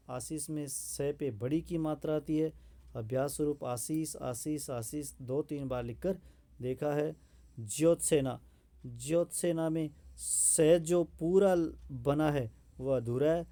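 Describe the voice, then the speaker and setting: Mellow-voiced Hindi spelling teacher. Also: male voice, fairly high pitch. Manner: slow, repeats each word to drill students. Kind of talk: spelling lesson.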